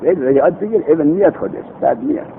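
A man teaching a classroom grammar lesson, quizzing his students and reciting examples slowly. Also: creaky. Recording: tinny phone-like recording with faint vehicle rumble.

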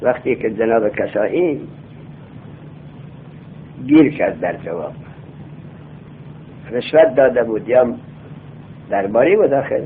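A male teacher giving a classroom lecture. He reads lines of a text aloud slowly, then explains them and quizzes his students. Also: mid-range voice, animated, slight background noise. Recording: tinny lo-fi phone-like sound.

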